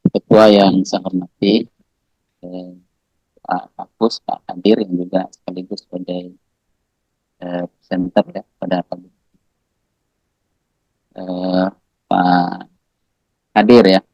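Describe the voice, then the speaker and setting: A man reviewing a presentation at an online seminar on a bad video call connection where his voice fades and drops out, speaking haltingly with many hesitations. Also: low voice, flat delivery, breathy edge, no room sound, lo-fi sound. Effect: bad connection, voice fading and dropping out. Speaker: seminar reviewer giving feedback. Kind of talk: spoken feedback at an online seminar.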